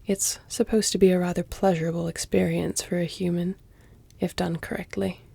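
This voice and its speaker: In this scripted, intimate roleplay, a woman plays a seductive, elegant vampire with an exaggerated, fairly low, dark and mellow voice, breathy and hushed with a gravelly creak, often drifting to a whisper. Her delivery is flat, slow, formal and deliberate, teasing and flirtatious, with a soothing, hungry mood. The recording is close and very dry.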